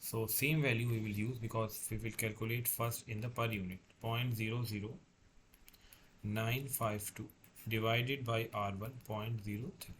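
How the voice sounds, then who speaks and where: A man lecturing as a tutor, working through a problem step by step in a halting way, repeating and correcting himself. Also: lowish voice, steady tone, a bit bright, a little hiss or hum. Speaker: engineering tutor.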